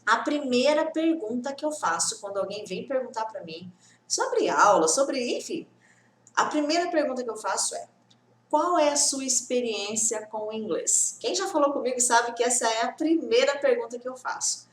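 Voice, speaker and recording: Chatty Brazilian English teacher, high voice. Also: female voice, expressive, echoey room. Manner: chatty, repeats reassuring tag questions; acts out students' complaints in quick bursts. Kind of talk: casual online lesson.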